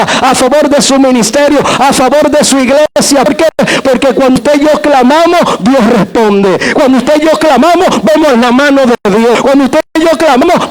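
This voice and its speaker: A man preaching a sermon as pastor, rising to shouts for emphasis and calling out to the congregation. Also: very high voice, rough recording.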